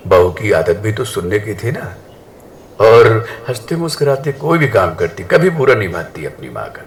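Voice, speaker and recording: A man telling a family story in a slow, measured way, addressing his listeners as friends. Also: on the low side, big pitch swings, a little hiss or hum. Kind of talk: spiritual storytelling.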